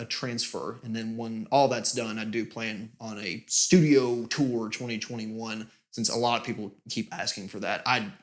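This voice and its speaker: A man casually giving a channel update with lots of fillers, his voice booming with reverb in a nearly empty studio room. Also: fairly bright tone. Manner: rambling, many fillers and restarts. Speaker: music channel host.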